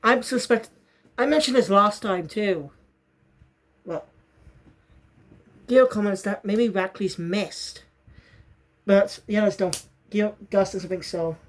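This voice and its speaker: A woman's voice: medium pitch, takes it slowly, long pauses. A woman casually reviewing a show episode, rambling and correcting herself as she goes. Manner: rambling, self-correcting, bursts into fits of laughter.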